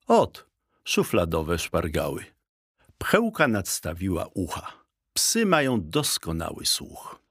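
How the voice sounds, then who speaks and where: Audiobook narrator for kids, deep husky voice, lively dry delivery. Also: male voice, no echo. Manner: unhurried, expressive storytelling. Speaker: audiobook reader. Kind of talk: children's story narration.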